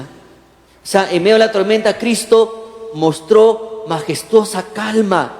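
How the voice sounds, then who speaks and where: A man preaching a lively sermon as pastor, often asking the congregation questions and acting out the quotes he tells. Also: sits high. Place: church hall. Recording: echoey church hall, long reverb.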